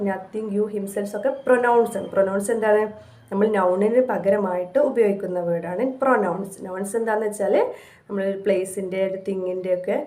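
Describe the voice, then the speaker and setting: A woman's voice: medium pitch, warm tone. Malayali woman tutor explaining a lesson, echoey room. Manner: conversational, with frequent fillers and pauses to find words. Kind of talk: explaining a university course lesson.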